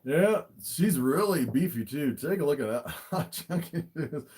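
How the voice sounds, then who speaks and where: A man's voice: a little high, lively intonation, normal speed, a little mellow, slightly rough. A man hosting a casual livestream as an animal keeper, easily amazed and chatting to viewers as he shows his animals. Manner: easily amazed, often chuckling between remarks.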